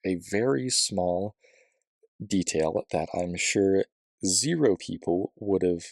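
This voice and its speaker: Low gravelly man rambling over gameplay. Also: slow, no echo, studio quality. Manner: rambling, self-deprecating, many fillers and restarts. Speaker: let's play host. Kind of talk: casual gameplay commentary.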